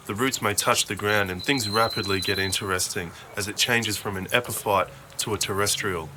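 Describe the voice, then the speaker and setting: Bright-voiced man narrating. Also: on the low side, slight background noise. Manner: measured, informative delivery. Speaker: documentary narrator. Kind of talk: scripted nature narration voice-over.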